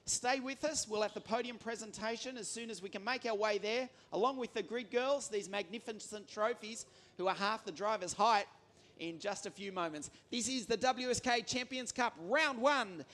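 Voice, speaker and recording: Live from the edge of a karting track in southern Italy, a man commentates on the racing, listing off names and results with gusto. His voice is high and a bit bright, delivered at a moderate pace.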